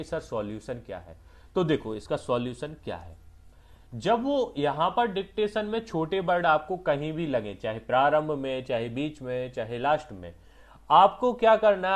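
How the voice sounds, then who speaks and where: Hindi-speaking male typing tutor, higher voice. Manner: explanatory, repeats points, asks and answers own questions. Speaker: typing and shorthand teacher. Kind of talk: online exam-prep lesson.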